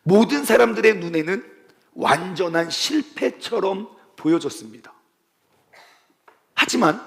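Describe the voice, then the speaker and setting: A male pastor preaching a sermon at a church service. He tells the story in an animated way and adds playful sound effects. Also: sits high, vocal fry, in a large hall.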